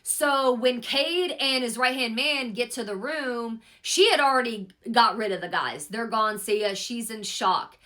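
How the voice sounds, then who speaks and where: A woman's voice: a little high, a little slow, hardly any pauses, bright, forceful tone. A woman giving a casual, rambling book recap, swearing freely and filling gaps with "like" and "blah, blah, blah". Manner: rambling, profane, peppered with "blah, blah" and "like". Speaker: book reviewer.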